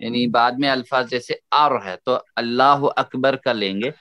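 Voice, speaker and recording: A man's voice: mid-range voice, normal speed, pushed and bright, dry recording. A man teaching Quran recitation, patiently drilling letter sounds for students to repeat. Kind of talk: tajweed lesson, call and response.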